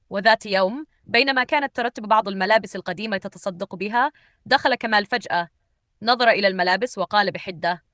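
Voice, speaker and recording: A woman narrating a scripted story in a calm, measured way. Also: medium pitch, no room sound, studio quality.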